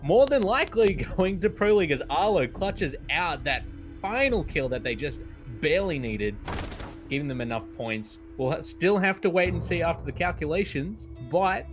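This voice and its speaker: A man's voice: a little high, very animated, normal speed, music in the background. A man giving colour commentary on an esports match, rambling with lots of ums and restarts. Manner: rambling, full of ums and restarts, laughs easily. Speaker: esports caster. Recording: noisy stream audio.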